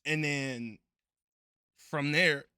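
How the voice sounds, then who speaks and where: A young man spins a story in a loose, laid-back way, cussing freely and leaning on slang. His voice sits a little high and comes across bright and forceful. The sound is close and dry. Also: steady tone, drawn-out words, smooth, no room sound. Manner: laid-back, profane slang-heavy delivery. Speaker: streamer telling a story. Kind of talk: casual storytelling.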